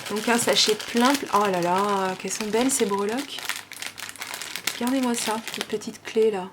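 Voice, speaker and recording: A woman's voice: mid-range voice, fairly even intonation, normal speed. French woman vlogger, gushing unboxing chat, lots of fillers, faint hiss behind. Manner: gushing, chatty, many fillers.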